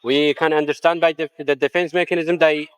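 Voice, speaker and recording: A man's voice: a little high, level tone, a little fast, clear, resonant tone. A man who is not a native English speaker, with a foreign accent, debating casually and searching for words. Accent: non-native English. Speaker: debater in a street interview.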